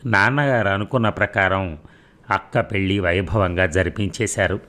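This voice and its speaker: A man reading a novel aloud in steady storytelling narration. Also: deep voice, normal speed.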